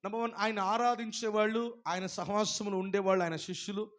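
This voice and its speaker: A pastor preaching a sermon, swinging between loud proclaiming and hushed, tender asides, now and then singing hymn lines slowly. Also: male voice, sits high, little pitch movement. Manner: breaks into slow sung hymn lines.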